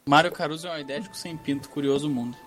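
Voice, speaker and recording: Rapid-fire wisecracker. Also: male voice, fairly high pitch, fairly bright tone, soft background music. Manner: crude wisecracks. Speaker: player. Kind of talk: live tabletop game banter.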